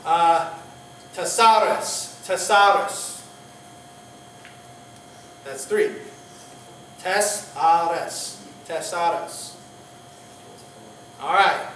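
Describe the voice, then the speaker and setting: A man, a pastor, teaching an informal Greek class, talking in a halting way with many fillers and restarts and joking with his students. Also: high voice, fairly bright tone. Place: church classroom. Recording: roomy, distant classroom recording with faint hiss.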